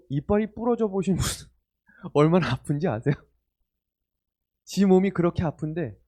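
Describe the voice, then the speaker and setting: A man's voice: on the high side, mellow. A man in his forties preaching a sermon, telling a personal story and putting questions to his listeners in an earnest way. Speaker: pastor. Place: church hall or retreat meeting room.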